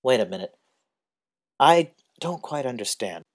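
A man's voice: medium pitch, sing-song, measured pace, voice pushed up. A man reading the lines of a gangling, sardonic older man in an audiobook, with a brusque and wry delivery. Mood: dry, wry.

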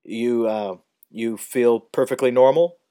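A man reading the lines of a flustered, bewildered man in an audiobook, with an excitable, exasperated delivery. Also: medium pitch, slow pace, natural voice.

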